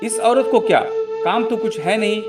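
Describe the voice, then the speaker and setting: A man's voice: high voice, huge pitch swings, moderate pace, loud music behind the voice. A man voicing a short-tempered young husband who grumbles and snaps, in a storybook reading. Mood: angry. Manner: grumbling, snappish.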